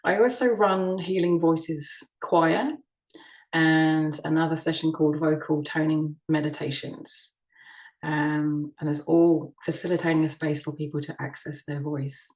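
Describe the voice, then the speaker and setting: A soft-spoken woman from the United Kingdom, a sound healing practitioner, giving a gentle summit talk with frequent ums and restarts. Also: low-pitched, fairly even intonation, unhurried, echoey room, recorded from a distance, rough recording. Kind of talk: online summit presentation.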